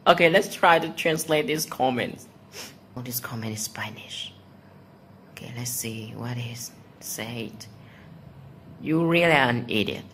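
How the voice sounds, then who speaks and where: Filming on his phone in a small room at home, a teenage or young adult YouTuber reads comments aloud sarcastically and replies as if offended. His medium-pitched, slightly bright voice is lively and unhurried, with frequent pauses, and there's a little hiss or hum.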